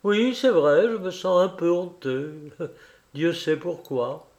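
An excitable teenage boy, proud and fervent, his lines climbing into eager outbursts, as a man reads him aloud. The voice sits fairly high and moves slowly, in a storybook reading. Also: gravelly, dull audio, exaggerated voice.

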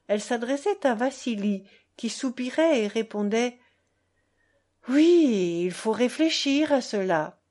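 A woman narrating a novel as an audiobook in a measured, even storytelling manner. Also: fairly high pitch. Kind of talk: audiobook reading.

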